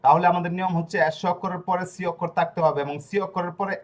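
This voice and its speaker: Male teacher, slightly raised pitch, patient and repetitive classroom explainer. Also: steady tone. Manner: repeats each point slowly, asks and answers his own questions. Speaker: language teacher. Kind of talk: spoken language lesson.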